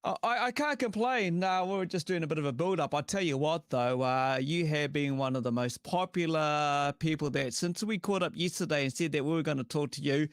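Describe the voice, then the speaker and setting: A man's voice: on the high side, a little fast, few pauses, smooth, dry recording, clean studio sound. A man with a broad New Zealand accent hosting a live chat show in a matey, effusive, slangy way. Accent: broad New Zealand (Kiwi). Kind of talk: casual chat interview.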